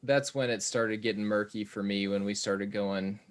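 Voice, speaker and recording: A man's voice: on the low side, steady tone, moderate pace. A man of about thirty co-hosting a casual interview, chatting in an easygoing way. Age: 30s. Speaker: co-host.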